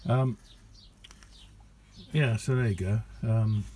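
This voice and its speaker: A middle-aged amateur radio hobbyist with a lowish, mellow voice talks slowly in a casual hands-on video, showing off his kit in a small indoor radio room. He rambles in an understated, self-deprecating way, with slight background noise.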